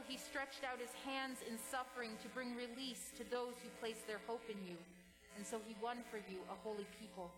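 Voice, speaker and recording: Woman priest in cathedral echo. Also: fairly high pitch. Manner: measured, solemn, unhurried. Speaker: priest leading the Eucharistic prayer. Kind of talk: liturgical prayer recitation. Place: large church. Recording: echoey church hall with music.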